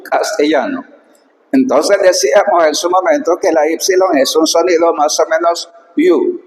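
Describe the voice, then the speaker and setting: Guy teaching greek pronunciation real slow, repeats himself a lot, echoey room w long reverb. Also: on the high side. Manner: slow, repeats words and stresses key points. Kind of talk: recorded lesson explaining slides.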